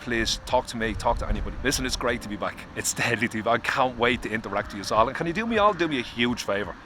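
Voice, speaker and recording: A man's voice: medium pitch, expressive, quick pace. An Irish man talking earnestly and confessionally to camera outdoors in the cold, swearing casually, with faint traffic behind. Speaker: vlogger. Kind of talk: candid personal vlog.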